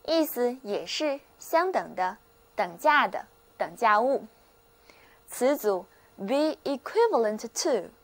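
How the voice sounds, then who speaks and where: A woman with a fairly high voice hosts a scripted vocabulary lesson at an unhurried pace. She spells each word out letter by letter and says every example sentence twice. Her tone is friendly and encouraging. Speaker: language teacher, show host.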